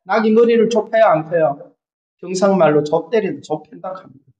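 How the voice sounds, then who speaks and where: A male pastor preaching a sermon in an animated way, often putting questions to the congregation. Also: high-pitched, a little fast. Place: church sanctuary. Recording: echoey church hall, dull lo-fi sound.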